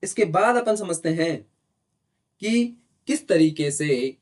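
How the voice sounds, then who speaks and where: A man teaching a class with a voice pitched a little high. He lays out terms and definitions patiently, one point at a time, and keeps checking in with his listeners through questions he then answers himself. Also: expressive, slow pace. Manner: explains step by step, asks rhetorical questions and often adds "है ना?". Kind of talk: classroom lecture in Hindi mixed with English terms.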